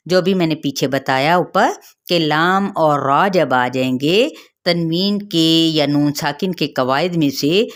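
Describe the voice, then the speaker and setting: A woman teaches the rules of Quran recitation in a fairly low voice. She explains each point step by step and often checks that her listeners are following. She slows right down to chant the verses. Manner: slow drawn-out chanting of verses. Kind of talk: tajweed lesson.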